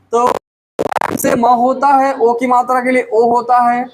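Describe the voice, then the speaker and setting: A man teaching a language lesson, stretching out each example word slowly and repeating it for pronunciation. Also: very high-pitched, slight background noise, low-quality recording. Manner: slow, drawn-out word-by-word pronunciation drills. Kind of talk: spoken English lesson.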